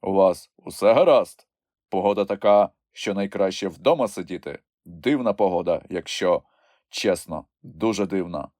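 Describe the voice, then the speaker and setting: A man doing a hoarse old bird captain. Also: low-pitched, moderate pace, darkish tone, no echo, clean studio sound, close to an everyday voice. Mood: fussy.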